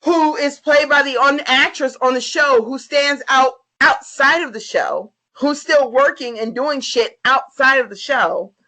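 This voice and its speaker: A tipsy podcast co-host, getting drunker, gives her opinions in a casual review chat, swearing freely and repeating herself for emphasis. Her voice is high and sharp, with a measured pace and few pauses.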